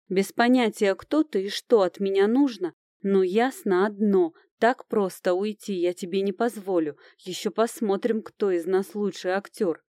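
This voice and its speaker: Женщина озвучивает испуганную, но хитрую девочку-подростка, которая театрально и драматично умоляет о помощи. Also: female voice, mid-range voice, mellow, no echo, clean studio sound, close to an everyday voice. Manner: dramatic, theatrical pleading. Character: frightened, scheming teenage girl heroine.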